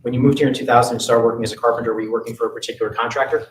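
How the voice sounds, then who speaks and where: A man working as an attorney, questioning a witness in a courtroom in a brisk, methodical way. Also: mid-range voice, steady tone, far from the mic, a little hiss or hum. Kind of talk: courtroom examination. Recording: roomy courtroom audio from afar.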